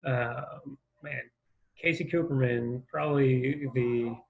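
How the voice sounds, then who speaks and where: A man, a former assistant baseball coach, speaking thoughtfully and hesitantly with many pauses on a video call. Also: mid-range voice, steady tone, gravelly, narrow, tinny audio. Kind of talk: casual video-call interview.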